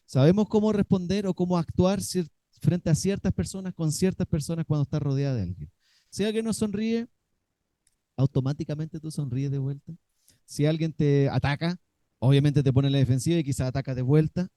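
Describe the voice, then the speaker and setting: Emphatic pastor, warm dark voice. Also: male voice, a little high, a little fast, dry recording. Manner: emphatic, asks the congregation questions, acts out quotes. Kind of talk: sermon.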